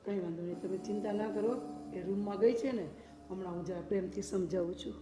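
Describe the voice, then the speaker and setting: A woman playing a middle-aged mother who gently coaxes and advises her daughter in a short family drama. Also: medium pitch, steady tone, fast talker, lightly acted. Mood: coaxing. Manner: soothing, coaxing advice. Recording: echoey hall with loud music.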